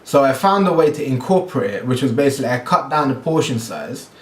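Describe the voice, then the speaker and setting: A man's voice: mid-range voice, expressive, quick pace, roomy sound. A man from Guyana talking casually to camera about his diet, with many fillers and restarts. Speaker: fitness vlogger.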